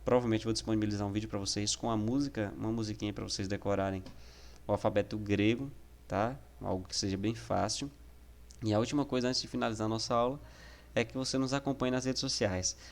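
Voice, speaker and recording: A Brazilian man with a low, gravelly voice gives a casual online lesson. He explains step by step in a patient way and keeps checking in with the viewer. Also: fairly even intonation, fast. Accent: Brazilian Portuguese. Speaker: teacher.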